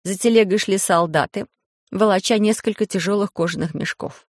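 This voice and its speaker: A man narrating an audiobook in steady storytelling, acting out the voices. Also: high-pitched, normal speed, no echo, studio quality. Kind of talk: scripted narration.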